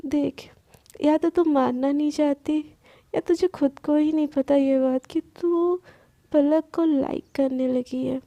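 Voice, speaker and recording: A young man's easygoing best-friend voice, teasing and soothing by turns, as a woman narrator plays him. The tone stays high and mellow with a gravelly grain. The sound is dry. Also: slow, dry recording. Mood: calm, teasing. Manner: calm, teasing and reassuring.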